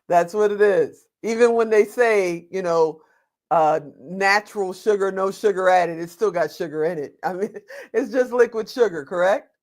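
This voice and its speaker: A woman hosts an interview conversation. She asks her guest questions and affirms what she hears. Her voice is of middle pitch for a woman. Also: normal speed, darkish tone. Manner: inquisitive, affirming. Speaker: interview host.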